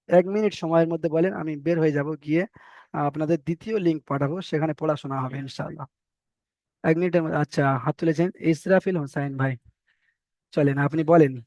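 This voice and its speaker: A man teaching on a video call, with a high voice and quick delivery. He drills each point again and again. The sound is dry and dull, with the lo-fi quality of an online meeting. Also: warm tone, no echo. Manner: repetitive drilling explanation. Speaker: Quran reading teacher. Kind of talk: online class lesson.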